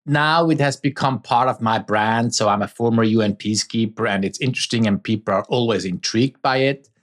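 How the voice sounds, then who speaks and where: A native Swiss German speaker from Switzerland, this middle-aged man gives conversational interview answers with a Swiss German accent. His voice is lowish and fairly quick.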